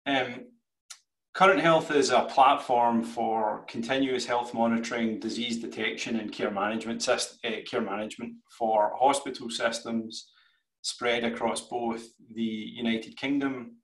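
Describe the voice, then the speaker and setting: A man with a broad Scottish accent giving a business pitch presentation as a startup CEO over a video call. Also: fairly even intonation, measured pace. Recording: roomy video-call sound.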